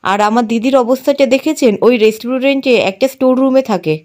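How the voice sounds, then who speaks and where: A woman's voice: sits high, fairly quick, darkish tone, lightly acted. A woman reading an indignant young woman. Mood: angry. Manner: indignant and accusing. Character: angry young woman defending her sister.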